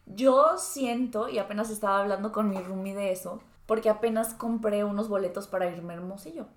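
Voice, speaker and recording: Northern Mexican woman, lively storyteller. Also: mid-range voice, a little fast, echoey room. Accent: northern Mexican (Sonora). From Sonora, Mexico. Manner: animated storyteller who mimics others' voices. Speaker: podcast co-host. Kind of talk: casual podcast chat and advice.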